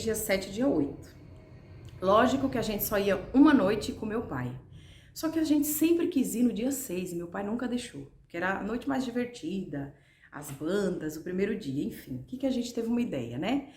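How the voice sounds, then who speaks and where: A woman in her forties with a Brazilian Portuguese accent, giving motivational advice to camera in a chatty, affectionate way and often checking in with her listeners. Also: medium pitch. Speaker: motivational vlogger and mother. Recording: roomy, echoing room.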